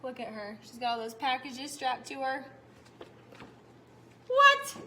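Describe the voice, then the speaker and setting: A woman teacher reading a picture book aloud to young children, animated, stopping often to ask them questions. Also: high voice, moderate pace, a little hiss or hum.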